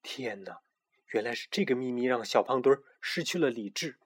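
一个男人给一只冷静懂事、不信邪的小母鸡配音，语气温和安抚。. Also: male voice, medium pitch, animated, a little fast, slightly rough, no room sound. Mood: calm. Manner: gentle, soothing, matter-of-fact. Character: calm sensible young hen, skeptical.

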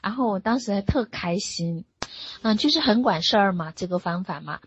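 A woman in her thirties giving an online parenting mini-lesson in a gentle, conversational way. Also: mid-range voice, lively intonation, normal speed, dull audio, a little hiss or hum. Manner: gentle, conversational, with soft tag particles. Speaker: parenting lecturer.

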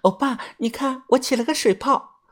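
A narrator voicing a sweet, coy young woman who talks softly and pleadingly. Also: high-pitched, normal speed, voice pushed up.

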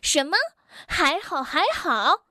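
A woman doing a shrill scolding little rabbit. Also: animated, slow pace, sharp tone, no echo, studio quality, exaggerated voice. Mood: annoyed. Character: small rabbit, fussy and quick to scold.

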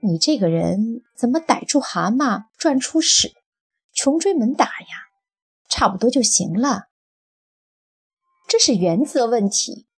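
A woman voicing a childish, defensive husband who rambles in a folksy way, with a breathy voice. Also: on the high side, big pitch swings, unhurried, long pauses, pitched above the performer's own voice, exaggerated voice.

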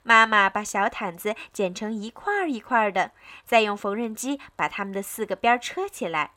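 A woman narrating a bedtime story for children in a gentle, sing-song manner, talking directly to her young listeners. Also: medium pitch, animated, normal speed.

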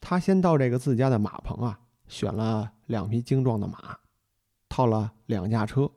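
A man's voice: mid-range voice, mellow. A man retelling a mystery novel in a chatty, folksy storytelling style, speaking straight to the listener. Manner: chatty, addresses the listener directly, folksy asides. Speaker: book storyteller.

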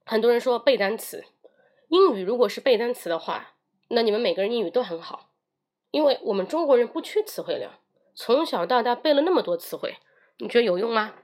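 A woman's voice: a little high, lively intonation, a little fast, darkish tone. Woman teaching English on a livestream. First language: Mandarin Chinese. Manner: switches between Mandarin and English, demonstrates phrases.

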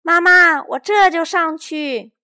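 A woman voicing a small, lonely invisible boy in a storybook reading, calling out high and loud. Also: lively intonation, unhurried, dry recording, clean studio sound. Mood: surprised eager.

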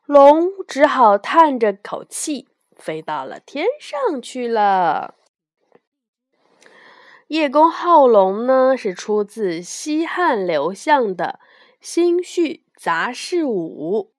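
A woman telling a bedtime story to children in a slow, expressive way. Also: on the high side, dry recording, studio quality.

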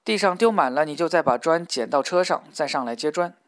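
A man's voice: on the high side, lively intonation, brisk, no room sound, studio quality. A man reading a novel aloud, voicing a crude, pushy middle-aged male worker who talks in a grinning, wheedling way. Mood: bossy.

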